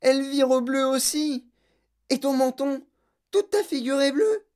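A woman's voice: lowish voice, lively intonation, normal speed, darkish tone, clean tone, close to an everyday voice. A woman voicing a panicky, doting mother shrieking in alarm, in a storybook reading. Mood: panicked.

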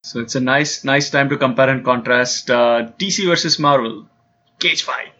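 Husky guy cohosting a podcast, hesitant and teasing, kinda dull muffled audio. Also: medium pitch, normal speed, sharp tone. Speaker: podcast co-host. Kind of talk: casual chat.

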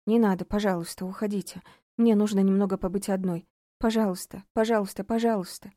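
A woman's voice: medium pitch, a little fast, warm tone, no echo, clean studio sound, natural voice. A woman reading the lines of a hurt, withdrawn young woman who pleads and defends herself in an audiobook. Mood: pleading.

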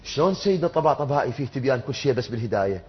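A man's voice: mid-range voice, lively intonation, rapid-fire, slightly rough. A man giving an interactive religious lecture, putting questions to his audience and answering them himself. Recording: muffled lo-fi recording.

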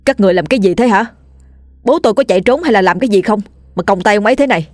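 A woman's voice: on the low side, expressive, brisk, darkish tone, dry recording, studio quality. A woman doing a hot-tempered young man. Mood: indignant. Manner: heated, indignant.

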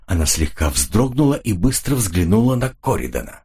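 A man narrating a hardboiled detective audiobook with steady, expressive storytelling. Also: deep voice, moderate pace, slightly rough. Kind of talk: scripted narration.

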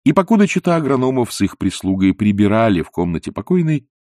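A male narrator reads a novel aloud with theatrical flair. His voice is very deep yet swings widely in pitch. The sound is dry and close to the mic. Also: very animated, fast, darkish tone, dry recording. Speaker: audiobook narrator. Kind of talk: expressive literary narration.

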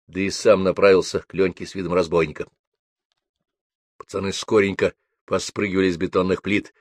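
Deep-voiced man reading a novel. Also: flat delivery, fairly quick, no room sound, studio quality. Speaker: audiobook reader. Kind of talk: scripted narration of a novel.

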